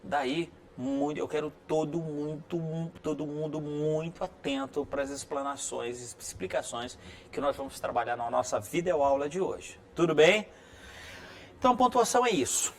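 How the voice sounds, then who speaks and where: A man's voice: fairly high pitch, normal speed. Brazilian male teacher giving a friendly video lesson. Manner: peppers sentences with checking tags like "right?"; friendly, encouraging classroom delivery. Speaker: writing teacher.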